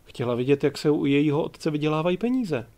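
A polite, formal ship captain in his forties, as a male narrator voices him. He speaks with calm courtesy in a gravelly voice. Read for an audiobook. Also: on the high side. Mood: courteous.

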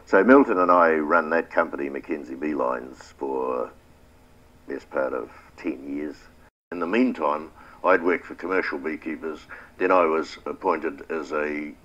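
Older New Zealand man, very deep. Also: a little slow, a bit bright, lo-fi sound. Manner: plain-spoken, reflective, with restarts. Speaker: retired beekeeper. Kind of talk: oral history interview.

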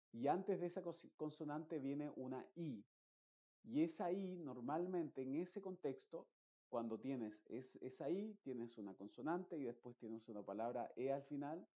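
Guy explaining pronunciation rules, mellow dark voice, kinda dull lo-fi sound. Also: medium pitch. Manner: explains patiently with many restatements. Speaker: English pronunciation teacher. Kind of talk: explanatory lesson.

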